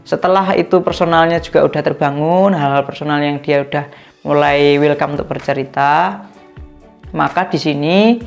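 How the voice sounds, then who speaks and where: A woman giving an instructional talk on youth coaching, acting out sample conversations with a lifted, lively voice. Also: moderate pace, gravelly, faint music behind. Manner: acts out sample dialogues with rising lively pitch. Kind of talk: instructional talk with role-play examples.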